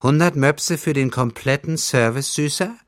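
A man's voice: normal speed, no echo, clean studio sound, lightly acted. A man doing a cooing, teasing young street girl. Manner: breathy, cooing high falsetto.

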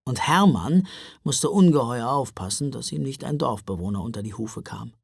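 A man narrating a children's story in an expressive, storybook manner. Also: medium pitch, normal speed, creaky, husky, no echo, clean studio sound. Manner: expressive, wide-ranging delivery.

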